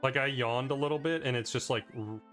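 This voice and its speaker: A man casually commentates over gameplay as he reviews his own speedrun, with soft music playing in the background. His mid-range, slightly bright voice moves fairly quickly, and his talk rambles loosely with frequent "like" fillers.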